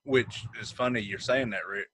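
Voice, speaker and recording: A man co-hosts in a low, husky voice, talking casually and rambling about their research. The sound is dry, with little room around it. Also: moderate pace, fairly bright tone, dry recording, low-quality recording. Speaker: co-host. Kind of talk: podcast interview chat.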